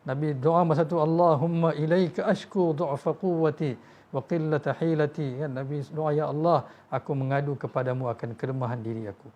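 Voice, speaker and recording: A man's voice: a little high, fairly even intonation, a little fast, a little mellow, dull audio. A man with a Malaysian Malay accent preaching a sermon, telling stories with feeling and addressing his listeners directly. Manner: emotional storytelling, voices quoted figures, addresses audience as tuan-tuan.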